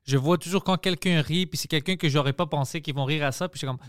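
A man with a strong Greek accent hosting a podcast, talking animatedly in halting phrases and swearing freely. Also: fairly high pitch, no room sound, studio quality. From Greece. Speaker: podcast host. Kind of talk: casual podcast chat.

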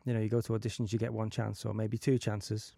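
Guy hosting a chat podcast, gravelly voice, laid back, lots of yeah yeah, dry sound. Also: on the low side, flat delivery, fast, warm tone, no echo. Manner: easygoing, lots of "you know" and "yeah". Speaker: podcast host. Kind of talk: casual chat.

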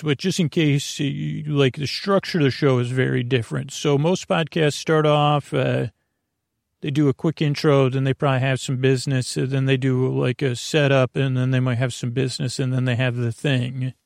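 In clean studio sound with a dry recording, a man with a mid-range, creaky, gravelly voice hosts a bedtime podcast. His rambling monologue to listeners is meandering, hesitant, and self-deprecating, drifting off into digressions again and again.

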